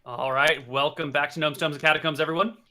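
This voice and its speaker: Bright-voiced man running a tabletop game. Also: on the high side, fairly even intonation, quick pace. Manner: casual, rambling narration with fillers. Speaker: game master.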